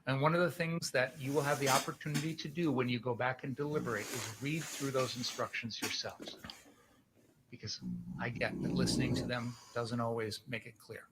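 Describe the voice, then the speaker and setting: Male prosecutor, mid-pitched. Passionate, emphatic courtroom closing with repeated phrases; slightly noisy live recording. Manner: passionate, emphatic, rhetorical questions and repetition. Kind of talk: courtroom closing argument to a jury.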